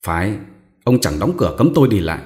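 A man voicing a sharp-tongued, defiant young wife who speaks with mocking scorn in a storybook reading. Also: low-pitched, sing-song, fast. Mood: scornful.

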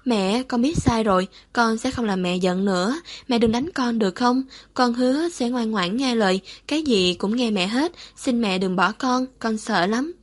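A woman's voice: fairly high pitch, moderate pace, hardly any pauses, natural voice. A woman voicing a drugged, tearful young woman who talks like a frightened child, pleading and whimpering.

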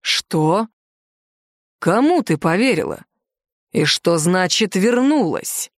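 Woman doing a low hissing dark prince, cold and bossy, slow deep menace in a fantasy audiobook, dry close sound. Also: very animated, no room sound. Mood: suspicious. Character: dark stern male prince, cold and commanding.

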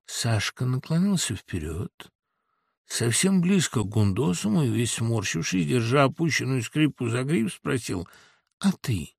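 A man reading a literary audiobook in a recording studio, with dramatic, expressive storytelling. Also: mid-range voice, normal speed, gravelly, slightly rough, no room sound. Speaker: audiobook reader. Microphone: studio mic.

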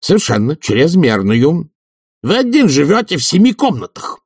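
Man putting on a huffy young committee guy, pitched up, husky, pompous. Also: huge pitch swings, normal speed, darkish tone, no room sound, clean studio sound, exaggerated voice. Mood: stiffly formal. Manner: indignant, stiffly formal. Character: indignant young male house-committee chairman, pompous and resentful.

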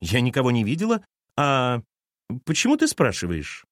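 A man's voice: wildly swooping pitch, moderate pace, fairly bright tone, dry recording, studio quality. A man voicing a nervous young pregnant woman who keeps crying out in desperation in an audiobook. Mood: evasive. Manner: shrill, cries out in desperation.

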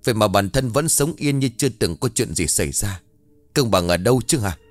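A man's voice: lowish voice, animated, brisk, soft background music, close to an everyday voice. A man voicing the grieving, vengeful ghost of a young mother, bitter and anguished. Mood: furious. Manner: bitter, anguished, then tearful.

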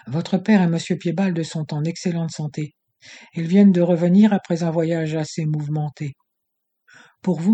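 A calm, gracious gentleman with a very dark, mellow tone and a husky edge, read by a man in an audiobook. He speaks with measured courtesy, slightly high for a man. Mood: reassuring. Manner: measured, polite address. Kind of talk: audiobook character reading.

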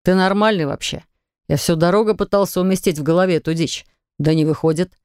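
A woman's voice: fairly low pitch, darkish tone, clean tone, no echo, studio quality, close to an everyday voice. Woman doing a stern, scolding older brother. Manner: slow, stern, hissing. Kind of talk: audiobook character reading.

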